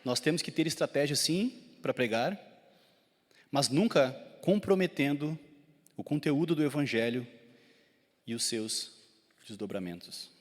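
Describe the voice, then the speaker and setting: With an animated, medium-pitched voice, this man preaches at a measured pace and pauses often. He's a pastor with a Gaúcho Brazilian Portuguese accent from Rio Grande do Sul, building intensity and questioning the congregation. The recording has a long church-hall reverb.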